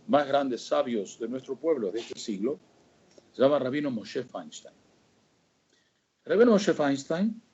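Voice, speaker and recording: Un rabino dando un sermón, hablando directo a los oyentes con énfasis retórico y frenando en las palabras clave. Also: male voice, mid-range voice, dark tone, husky, highs cut off. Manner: rhetorical, addresses listeners directly. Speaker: rabbi. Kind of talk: sermon on the weekly Torah portion.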